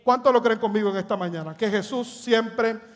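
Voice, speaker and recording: In a church sanctuary, a pastor from Puerto Rico preaches at a moderate pace in a high, slightly bright voice with a Puerto Rican Spanish accent. He tells the story dramatically, acting out scripture and joking with the congregation.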